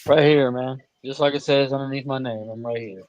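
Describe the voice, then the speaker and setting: A man's voice: mid-range voice, fairly even intonation, brisk, darkish tone, no room sound, dull audio. Man, mid-range voice, blunt, sweary slang, casual sports banter. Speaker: sports show panelist.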